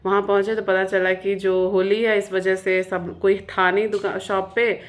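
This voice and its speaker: A woman's voice: mid-range voice, little pitch movement, normal speed, faint music behind. A woman vlogger chatting casually, telling the story of her day and mixing English words into her talk.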